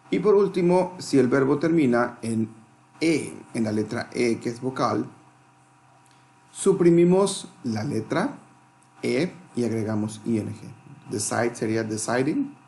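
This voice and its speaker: A man's voice: mid-range voice, creaky, darkish tone, slight background noise. Man teaching a grammar lesson. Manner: explains step by step, spelling out letters and translating examples. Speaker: English teacher. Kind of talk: grammar lesson explaining rules.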